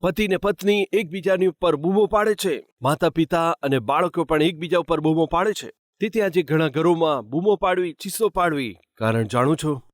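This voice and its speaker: A man's voice: fairly high pitch, normal speed, hardly any pauses, no room sound, studio quality. A man preaching a sermon as pastor, asking his listeners rhetorical questions. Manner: asks the congregation rhetorical questions.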